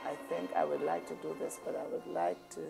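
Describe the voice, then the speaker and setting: An older woman talks earnestly about her youth program, her words coming quickly and sometimes swelling with passion. Her voice sits very low with a heavy gravelly fry. Faint music drifts behind her in a book-lined room. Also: lively intonation. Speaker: founder and executive director of a youth program. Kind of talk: interview. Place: indoor room lined with bookshelves.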